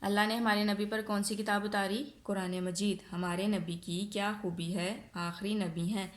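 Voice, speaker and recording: A woman with a Pakistani accent teaches a nursery class in a recorded lesson. She asks simple questions and answers them herself, drawing out each word slowly. Her voice sits at a medium pitch and carries a noticeable room echo. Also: flat delivery. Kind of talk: recorded online lesson for young children. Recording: echoey room.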